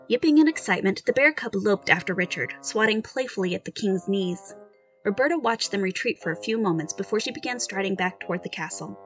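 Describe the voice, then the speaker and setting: A woman reads her own story aloud at an ordinary pitch, evenly paced and clear, slipping into a casual, self-mocking tone when she talks to listeners. Soft music plays faintly beneath her. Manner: self-deprecating, casual in asides. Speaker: storyteller and author. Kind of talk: story narration.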